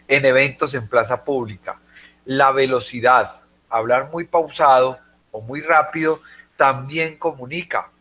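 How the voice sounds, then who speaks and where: A man's voice: medium pitch, a bit bright. A man teaching a class, explaining patiently and checking in with his students often. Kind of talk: classroom lecture.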